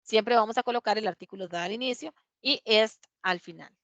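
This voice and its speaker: A woman's voice: on the high side, fairly quick, a bit bright, no echo. A woman teaching a classroom grammar lesson, patient and methodical, repeating the key points and checking that her students follow. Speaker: English teacher. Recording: dull lo-fi classroom recording.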